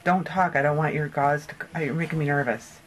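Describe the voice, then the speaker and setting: A woman's voice: low voice, fairly even intonation, a little fast. A middle-aged woman, a mother, chatting casually with a patient in a small clinic room. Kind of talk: casual chat. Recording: noisy amateur handheld camera recording.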